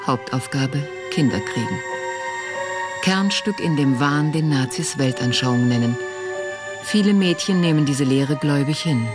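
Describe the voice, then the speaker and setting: Male documentary narrator over loud music. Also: mid-range voice, animated, measured pace. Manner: terse, clipped sentences.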